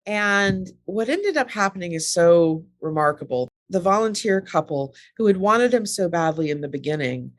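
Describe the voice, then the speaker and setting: A lower-voiced woman recounts stories as a podcast guest, circling back and restarting as she goes. Her voice sits close and dry, with no room sound around it. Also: moderate pace, hardly any pauses, no echo. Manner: animated storyteller, many restarts. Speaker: guest photographer. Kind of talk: casual interview storytelling.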